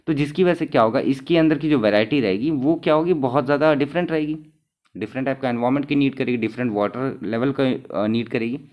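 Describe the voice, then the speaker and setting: A man's voice: medium pitch, fast talker, lo-fi sound. Man teaching exam questions. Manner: repeats key terms, asks and answers own questions.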